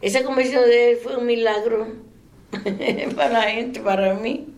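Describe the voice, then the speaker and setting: An older woman telling a faith story in a relaxed interview. She laughs often and trails off mid-sentence. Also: on the high side, unhurried. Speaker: interviewee sharing a faith testimony. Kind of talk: casual storytelling. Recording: echoey room.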